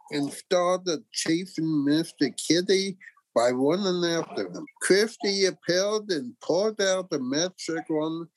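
Medium-pitched narrator, very lively intonation, deliberate scripted children's storytelling, theatrical host. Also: poor audio.

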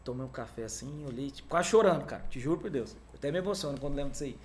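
Fast-talking animated male storyteller. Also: medium pitch, slight background noise. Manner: animated, fills talk with "cara", acts out quoted dialogue. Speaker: guest, music manager. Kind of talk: casual storytelling in an interview.

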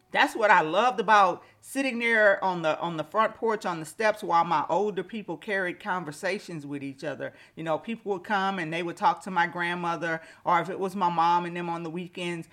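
A woman's voice: lowish voice, fairly bright tone. A woman hosting a solo podcast, talking casually and reflectively to listeners, with slightly slushy ch and sh sounds from wearing a retainer. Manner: conversational, reflective, addresses listeners directly. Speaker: podcast host. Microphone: microphone with pop filter and windscreen.

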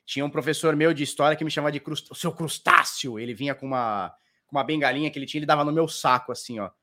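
Rapid-fire and sharp in tone, his voice runs on the high side. The man, from Santos, Brazil, gives casual crypto commentary, ribbing the viewer and flagging things with a constant "ó."

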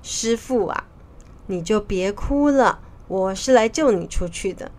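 A woman's voice: medium pitch, expressive, measured pace, darkish tone, natural voice. A woman voicing a clever, brave monkey hero in a children's story, speaking steadily and reassuringly.

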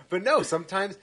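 A man co-hosting a casual sports podcast, listing details and cracking dry jokes. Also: high-pitched. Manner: analytical, wry. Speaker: podcast co-host.

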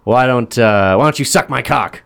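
A man's voice: medium pitch, moderate pace, vocal fry, a bit bright, clear, resonant tone, voice pushed up. A man voicing a creepy old man making pushy, leering offers in a told joke.

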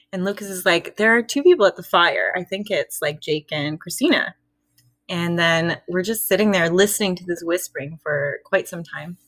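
A woman's voice: lowish voice, a bit bright, no echo. Young woman telling a ghost story, giggles a lot, dry close mic. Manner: giggly, laughs between sentences. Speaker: storytelling guest. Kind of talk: casual spooky storytelling.

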